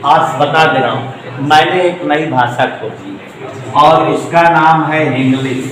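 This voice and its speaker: Male physics teacher, slightly high voice, emphatic and repetitive with joking asides, echoey room with a long reverb tail. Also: a little slow, crowd noise. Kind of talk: classroom lecture.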